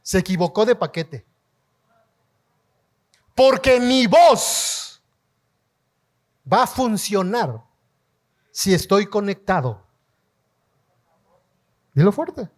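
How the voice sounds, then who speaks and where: High-voiced preaching pastor, slow and emphatic. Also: male voice, big pitch swings. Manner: preaching with call-and-response, urging the congregation to shout; slow, emphatic delivery, rising to shouts. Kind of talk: sermon. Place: church hall before a congregation.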